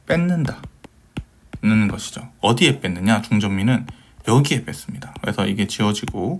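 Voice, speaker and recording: A man's voice: lowish voice, a little hiss or hum. A man giving a recorded Hebrew grammar lecture, patiently asking questions and answering them himself, with many fillers.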